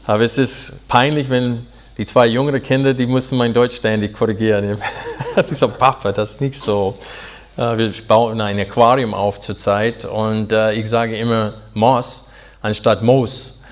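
A pastor in his forties from Arkansas, with an American accent and English as his first language, preaching in earnest, halting German full of fillers. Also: fairly low pitch, steady tone. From Arkansas, USA. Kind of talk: sermon.

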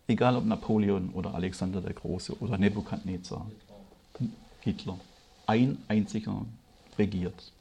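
A German-speaking man preaching a sermon, moving from quiet, measured delivery to loud, high, emphatic passages. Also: gravelly, slight background noise. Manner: grows loud and high-pitched when stirred, slow emphatic stresses.

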